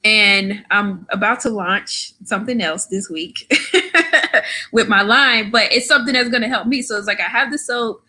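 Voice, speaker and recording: Bright-voiced chatty woman in her thirties. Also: mid-range voice, measured pace. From Florida, USA. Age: 30s. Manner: chatty, lots of "like" and "right?" tags. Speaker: podcast guest, entrepreneur. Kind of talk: casual interview storytelling.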